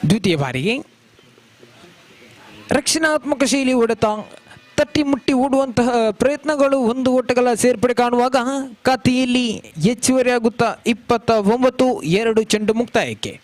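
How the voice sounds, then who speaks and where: A man's voice: extremely high pitch, moderate pace. A man. His delivery is flowing and formal, and it lifts when a big shot comes. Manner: flowing, formal commentary with rising calls on big shots. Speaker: cricket commentator. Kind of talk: live cricket commentary. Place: cricket ground.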